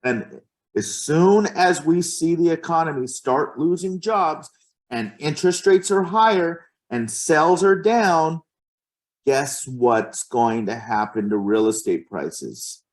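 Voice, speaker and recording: A man speaking in a fairly high voice, talking with passion in a casual podcast chat. He is emphatic and restarts his phrases as he builds to his point. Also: expressive, takes it slowly. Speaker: real estate agent.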